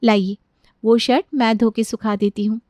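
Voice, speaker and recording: A woman's voice: fairly high pitch, fairly even intonation, moderate pace, a little mellow, no room sound, lightly acted. A woman voicing an earnest young daughter-in-law in a cartoon story, with pleading, indignant questions.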